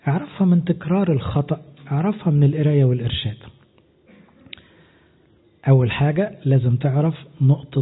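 A man's voice: fairly high pitch, breathy edge. A man preaching with an Egyptian Arabic accent, teaching in a conversational way with rhetorical questions and repeated lists. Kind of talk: sermon. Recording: tinny phone-like sound.

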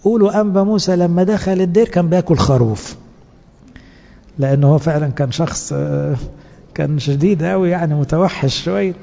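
A man's voice: fairly high pitch, quick pace, creaky, mellow. A man with an Egyptian accent preaching to church servants, earnest and exhorting, full of rhetorical questions. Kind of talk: sermon. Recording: dull lo-fi recording in a reverberant hall.

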